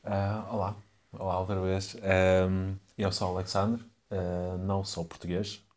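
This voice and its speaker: A man's voice: deep voice, level tone, measured pace, darkish tone. A young man from Ukraine with Ukrainian as his first language, speaking hesitantly and reservedly as an interview guest. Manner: hesitant, reserved, many fillers. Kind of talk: casual interview.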